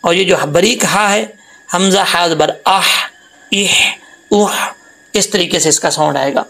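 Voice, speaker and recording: A man teaching Quran tajweed, explaining letter sounds patiently and repeating them slowly. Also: high-pitched, fairly bright tone, poor audio. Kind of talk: Quran tajweed lesson with recitation.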